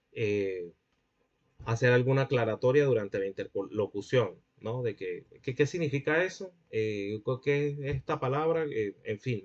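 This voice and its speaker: A man with a Venezuelan accent teaching a linguistics class, explaining step by step and often checking in with his students. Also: mid-range voice. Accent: Venezuelan Spanish. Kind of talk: lecturing a class. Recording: muffled lo-fi audio.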